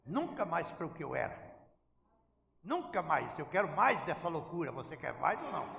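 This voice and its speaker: A man's voice: a little high, big pitch swings, normal speed, creaky, sharp tone. A man preaching a sermon as pastor, emphatically questioning his congregation. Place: church sanctuary. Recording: echoey church hall.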